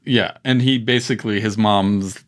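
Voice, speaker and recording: Relaxed man talking films. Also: fairly low pitch, normal speed. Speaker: podcast co-host. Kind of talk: casual film discussion.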